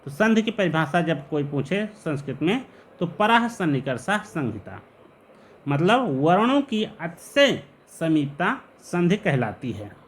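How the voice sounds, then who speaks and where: A man teaches Sanskrit grammar in a patient, explanatory way. His voice sits somewhat high and moves a lot in pitch. He drags out important terms slowly so the students can follow. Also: very animated.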